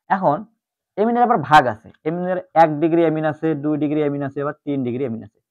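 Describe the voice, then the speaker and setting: A man teaching chemistry in an online lecture, explaining step by step and repeating the key terms. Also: on the high side. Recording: tinny phone-like audio.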